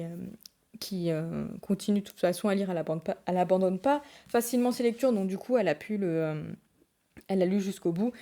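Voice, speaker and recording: A woman's voice: medium pitch, warm tone. A young woman vlogging casually about her books and colouring, rambling with many hesitations. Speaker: book vlogger. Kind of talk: casual chat to camera.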